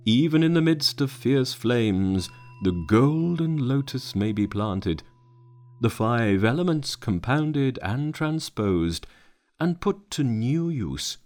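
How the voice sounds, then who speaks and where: A man voicing an old male patriarch teacher who speaks slowly and solemnly, drawing out each phrase. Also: mid-range voice, lively intonation, a little mellow, voice pushed up. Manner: slow, solemn, drawn-out recitation.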